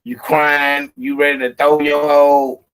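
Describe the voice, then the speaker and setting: A man with a somewhat high voice talks on a podcast in slangy, animated street speech, making his case like a lecture. His line cuts in and out a little, as if coming over a remote call. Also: unhurried, clear, resonant tone, poor audio. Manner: animated, preachy street talk. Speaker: podcast host. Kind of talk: casual podcast conversation. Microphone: remote call with connection breaking up.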